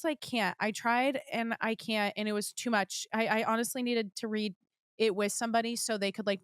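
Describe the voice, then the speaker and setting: A woman's voice: fairly high pitch, no room sound, studio quality. A young woman hosting her own podcast, chatting casually and gushing to her listeners about what she loves lately. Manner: bubbly, gushing, talks to listeners directly. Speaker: podcast host. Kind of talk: casual solo chat.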